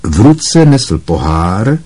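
A man narrating an audiobook in a calm, measured storybook reading. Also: sits low, slightly rough. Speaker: audiobook reader.

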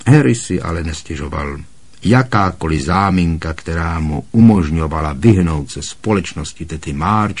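Casting: husky male narrator, lowish voice, animated audiobook telling. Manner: expressive, with lively storytelling intonation.

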